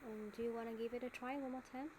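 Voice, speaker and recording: A woman's voice: a little high, steady tone, rapid-fire, noisy background. A woman teacher with a Vietnamese accent coaching students in an online English speaking class, modelling answers and explaining words.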